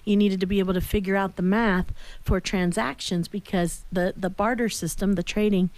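A woman's voice: medium pitch, steady tone, moderate pace, a little mellow, no room sound. Dry-sounding American woman, radio host. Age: middle-aged. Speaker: talk radio host and educator. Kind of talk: conversational radio talk. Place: small radio studio. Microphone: studio boom microphone with headphones.

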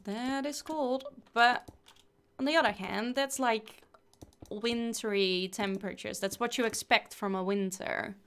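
A woman's voice: a little high, unhurried, fairly bright tone, smooth. A young woman chatting casually through a game livestream, giggling often and thanking viewers as she plays.

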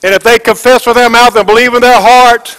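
A man's voice: very high voice, fairly even intonation, a little fast, a bit bright, smooth, poor audio. A man preaching a sermon to a church congregation, asking for amens, repeating phrases for emphasis and firing off rhetorical questions. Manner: call-and-response, asks the congregation for amens. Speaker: pastor.

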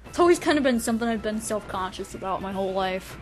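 A woman's voice: mid-range voice, animated, fast talker. A young adult woman giving rambling, candid let's play commentary, swearing freely as she plays. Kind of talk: casual gameplay commentary. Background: faint video game music.

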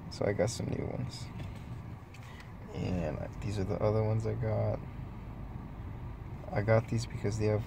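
A man's voice: fairly low pitch, gravelly. A young man chatting to his vlog audience in a laid-back, slangy way. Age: young adult. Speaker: vlogger. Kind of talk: casual vlog chat. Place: small rooms at home, car. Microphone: phone at arm's length. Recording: faint background noise, phone recording.

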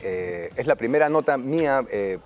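A man's voice: mid-range voice, expressive, normal speed, slight background noise. A man in his forties hosting an interview on an outdoor tennis court, speaking in a friendly, orderly way with some hesitant fillers. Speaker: host. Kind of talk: casual interview.

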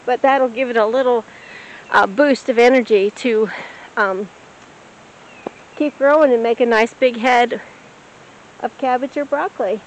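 A woman explaining how to plant and feed cabbages in a relaxed, practical way, recorded outdoors in a rural garden. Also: a little high, slight background noise, low-quality recording. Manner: relaxed and practical, with filler pauses. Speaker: homestead vlogger.

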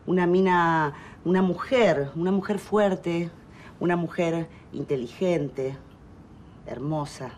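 An Argentine actress plays a calm anger-management coach in a telenovela, speaking in a measured, soothing way. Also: female voice, on the low side, slight background noise. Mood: tender. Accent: Rioplatense Argentine. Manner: calming, measured, gently insistent. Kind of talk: telenovela acting.

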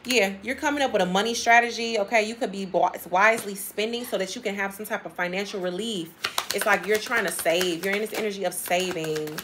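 A woman's voice: mid-range voice, fairly quick, a bit bright, slight background noise. Chatty woman giving a tarot reading. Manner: chatty and emphatic, repeats phrases, laughs often. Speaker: tarot reader. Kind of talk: casual tarot reading to viewers.

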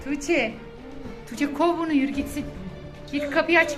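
A woman's voice: high-pitched, steady tone, normal speed. A woman playing a mother in a children's family skit, scolding and repeating her daughter's name again and again. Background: background music.

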